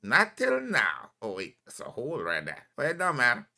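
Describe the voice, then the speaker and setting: A man doing loud, excitable let's-play commentary, trash-talking enemies in the game. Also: mid-range voice, normal speed, creaky, very noisy. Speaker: gaming channel host.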